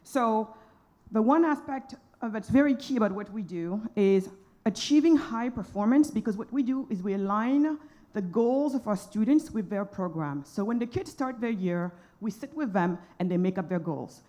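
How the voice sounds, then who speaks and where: A woman from Senegal speaks on a conference panel, emphatic and outspoken. Her voice sits at an ordinary middle pitch and her delivery is passionate. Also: expressive, moderate pace, dark tone.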